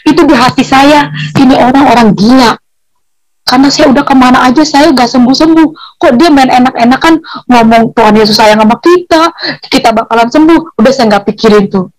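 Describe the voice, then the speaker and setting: A high-pitched woman talks a little quickly on a low-quality recording, sharing her personal testimony. Her delivery is informal and gossipy with local slang, and she becomes emotional, her voice breaking with tears at moments.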